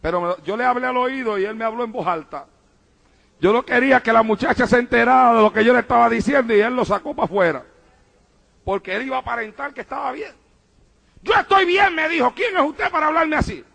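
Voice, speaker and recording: A man's voice: very high-pitched, fast talker, vocal fry, fairly bright tone. A male pastor preaching a fervent sermon to a congregation, with repeated refrains and calls of praise. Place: church service before a congregation.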